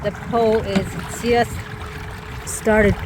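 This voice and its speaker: Slow-paced woman talking on a noisy boat. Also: mid-range voice, level tone. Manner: talking while operating a boat, in short broken remarks. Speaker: product demonstrator. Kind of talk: casual hands-on product test narration. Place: outdoors on a small motorboat on the water. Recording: noisy outdoor boat recording. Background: boat and water noise.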